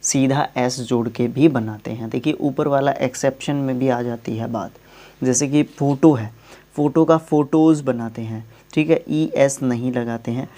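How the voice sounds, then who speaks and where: A man's voice: medium pitch, moderate pace, dark tone. A man teaching English grammar in Hindi, explaining rules step by step and asking the class questions as he goes.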